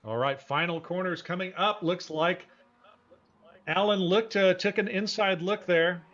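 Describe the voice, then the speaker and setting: A man's voice: sits high, fairly even intonation, unhurried, a bit bright. A man hosting a live sim racing broadcast and commentating in an informal, folksy, enthusiastic way. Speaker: race broadcast host and commentator. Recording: dull lo-fi broadcast audio.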